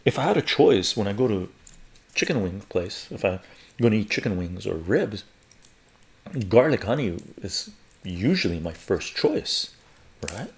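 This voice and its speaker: Brief: older Canadian man, gravelly low voice, laid-back rambling streamer in his living room. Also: measured pace, long pauses. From West Coast Canada. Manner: relaxed, rambling, repeats phrases, laughs often. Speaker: live streamer. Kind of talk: casual live-stream chat while peeling garlic. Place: living room at home, indoors.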